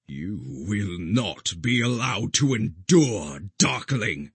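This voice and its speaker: A man voicing a stern male guardian mage who speaks slowly and solemnly. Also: lowish voice, expressive, husky, dry recording, full character voice. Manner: slow, solemn, measured.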